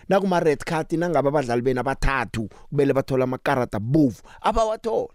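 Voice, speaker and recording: A man's voice: mid-range voice, darkish tone, dry recording, clean studio sound. A South African man hosting a radio sports talk show, speaking emphatically and rhetorically with strong opinions.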